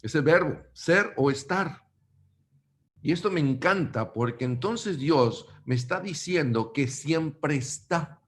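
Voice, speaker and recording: A man from Mexico preaching a sermon, addressing his listeners as brothers and swinging between loud emphatic bursts and quiet low asides. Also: lively intonation, takes it slowly.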